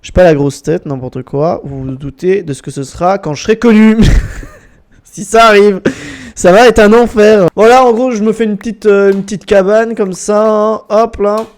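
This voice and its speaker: Young male gamer, high voice, energetic, swears freely, self-mocking jokes. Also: moderate pace. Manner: energetic, jokey, swears a lot; mock English phrases with a French accent. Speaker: gaming YouTuber. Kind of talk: casual gameplay commentary. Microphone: desk microphone.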